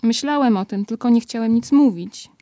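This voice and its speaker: A woman's voice: on the high side, normal speed, dark tone, dry recording, studio quality, close to an everyday voice. Rabbit, a grumbling fussy rabbit read by a woman. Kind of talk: storybook reading.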